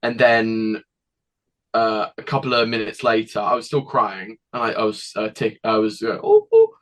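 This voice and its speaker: A man's voice: lowish voice, flat delivery, a bit bright, rough recording. A teenage boy talks through his past as an interview guest. He rambles and halts, restarting sentences and acting out little quoted exchanges along the way. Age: teens. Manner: rambling, halting, with many restarts and acted quotes. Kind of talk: casual interview storytelling.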